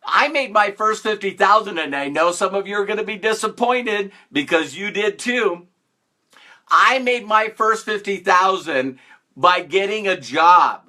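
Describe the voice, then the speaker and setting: A man's voice: sits high, animated, a little slow, bright, forceful tone. A man hosting a casual live stream as a motivational speaker, greeting viewers by name and stressing points with playful mock sarcasm.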